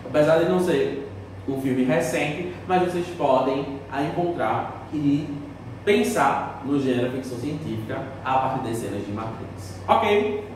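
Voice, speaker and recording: A man's voice: medium pitch, animated, a little slow. A man teaching a recorded Portuguese lesson to a school class, explaining step by step and posing questions that he answers himself. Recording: echoey room, distant mic, faint noise.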